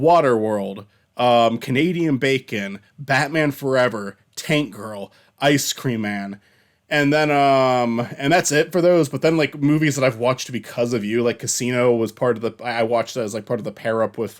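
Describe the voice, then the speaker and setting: A man in his thirties co-hosting a casual movie review podcast, rambling with frequent restarts and laughs. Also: medium pitch. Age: 30s. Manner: rambling, laughs often, many restarts and fillers. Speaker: podcast co-host.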